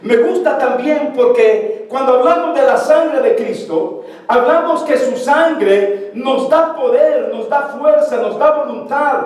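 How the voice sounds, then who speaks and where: A man's voice: very high voice, takes it slowly, darkish tone. A male pastor preaching a sermon to his congregation with fervor, repeating phrases for emphasis. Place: church sanctuary. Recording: very echoey church, mic far off.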